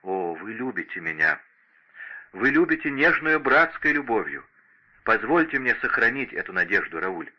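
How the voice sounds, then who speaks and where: A man's voice: on the low side, big pitch swings, moderate pace, muffled recording. A man voicing a lovesick young French noblewoman who pleads with passion in an audiobook. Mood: protesting. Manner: impassioned, imploring. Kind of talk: audiobook character reading.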